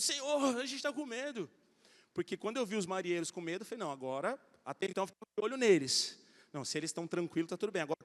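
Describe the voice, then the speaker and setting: High-voiced pastor in a reverberant hall. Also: male voice. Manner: storytelling, animated, acting out quoted voices. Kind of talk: sermon. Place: large church hall.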